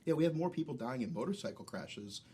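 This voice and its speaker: A man's voice: medium pitch, animated, fast talker, dark tone, slightly rough. A man, a military veteran and podcast guest, chatting casually and bluntly with heavy swearing. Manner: profane, blunt. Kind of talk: casual chat.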